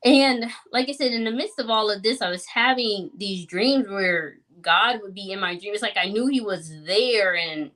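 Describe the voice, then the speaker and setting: A woman's voice: mid-range voice, moderate pace, few pauses, a bit bright. Woman, thirties, personal testimony, earnest, reflective, conversational fillers. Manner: reflective, earnest, many fillers like "like" and "you know". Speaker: guest sharing her story.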